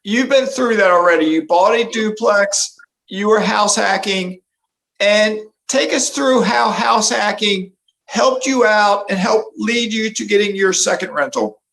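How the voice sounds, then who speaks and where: A man's voice: high-pitched, measured pace, vocal fry, fairly bright tone, a little hiss or hum, rough recording. A man in his fifties hosting a casual interview, affable, repeating facts back to his guest. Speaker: interview host.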